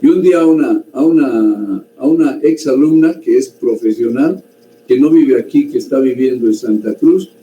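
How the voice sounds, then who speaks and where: A man's voice: mid-range voice, moderate pace, warm tone. A man teaching a medical class, lecturing conversationally and often checking in with his students. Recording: echoey room with faint ambient noise.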